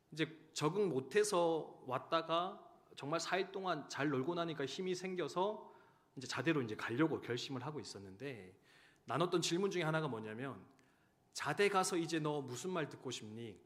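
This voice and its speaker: A man in his thirties, a pastor giving a sermon, who tells stories and swings between loud urging and hushed, quiet lines. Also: a little high, expressive, moderate pace. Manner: storytelling, swinging from loud exhortation to hushed tones. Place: church sanctuary. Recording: church hall reverb.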